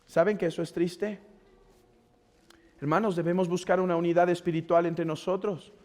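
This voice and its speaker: A pastor with a Mexican Spanish accent preaching a sermon, earnest and exhorting, rising to loud urging and dropping to quiet pleading. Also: male voice, high-pitched, flat delivery, moderate pace. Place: church hall. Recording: long church reverb.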